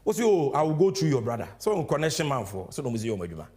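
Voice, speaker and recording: A man with a Ghanaian accent giving impassioned political commentary, emphatic, swinging between loud and hushed. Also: medium pitch, very animated, very fast. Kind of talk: impassioned political commentary mixing English and Twi.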